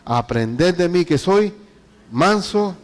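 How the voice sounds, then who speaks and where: A man preaching a sermon as a pastor, reading scripture slowly and firing rhetorical questions at the congregation. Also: high-pitched, animated, in a large hall. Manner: reads scripture aloud slowly and deliberately.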